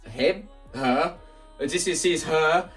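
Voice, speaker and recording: Slow and a little high, his bright-edged voice carries from a distance over faint music. This man, a content creator, rambles through an explanatory vlog about staging a musical, performing scenes and reciting lines along the way.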